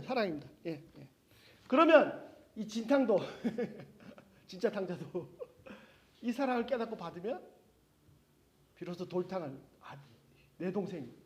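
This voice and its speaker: A man with a high-pitched voice preaches as a Bible teacher. He is lively and often chuckles, and he slips into the voices of the people in the passage he is explaining. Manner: animated, acts out quoted voices, chuckles often. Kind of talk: sermon.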